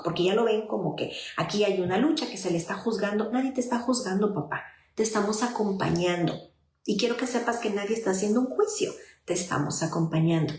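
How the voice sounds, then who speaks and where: A woman's voice: fairly high pitch, a little mellow, a little hiss or hum. A woman child psychologist, giving conversational advice to parents and often checking in with her listeners. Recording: roomy echo.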